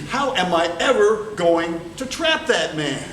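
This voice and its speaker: Guy doing a lovestruck girl from a tall tale, coy n slow, echoey far-off recording with some noise. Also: sits high, very animated, a bit bright, exaggerated voice. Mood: frustrated. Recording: distant, echoey room with background noise.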